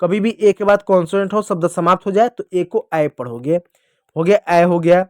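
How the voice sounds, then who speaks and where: Man, high voice, children's english lesson, slow drawn-out drills, dry close sound. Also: dry recording. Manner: slow, drawn-out spelling drills with repeated prompts to kids. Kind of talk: classroom-style teaching lesson.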